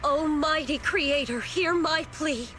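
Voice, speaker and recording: A woman's voice: high voice, slow, background noise. A woman voicing a fanatical, scheming villainess in a game, theatrical and condescending in her delivery. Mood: fervent prayer. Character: fanatical scheming female villain devoted to a Creator. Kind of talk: scripted video game voice acting.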